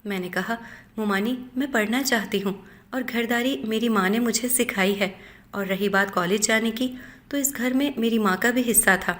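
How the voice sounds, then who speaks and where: A woman narrating a scripted first-person story in a steady, measured reading voice. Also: mid-range voice.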